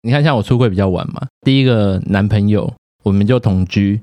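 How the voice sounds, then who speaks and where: A man's voice: on the low side, brisk, smooth, no room sound. A man in his thirties with a Taiwanese Mandarin accent, telling a personal story on a casual podcast and often laughing as he talks. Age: 30s. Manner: animated, laughs while telling stories.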